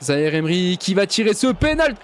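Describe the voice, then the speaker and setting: A high-voiced young man chats through a football video game, muttering line-ups and then erupting at goals. His talk is slangy and playful, aimed straight at his viewers. A faint hiss of noise sits under the recording. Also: normal speed. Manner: excitable, swings from mumbling asides to loud cheering; addresses viewers as "les gars", slangy and joking. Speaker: gaming YouTuber. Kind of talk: casual gameplay commentary.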